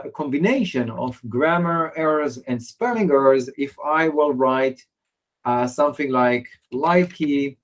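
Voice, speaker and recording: A software presenter from Israel walks through a software demo in a medium-pitched voice. He sounds hesitant and halting, with many fillers and restarts.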